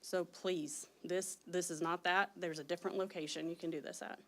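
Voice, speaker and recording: A woman's voice: fairly low pitch, steady tone, moderate pace, a bit bright. A woman giving an emotional, indignant public comment at a city meeting.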